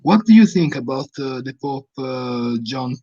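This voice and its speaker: A man chatting on an online stream, asking questions in a halting, hesitant way. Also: mid-range voice, expressive, dark tone, dry recording. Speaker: stream guest. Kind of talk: casual online chat. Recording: dull lo-fi call audio.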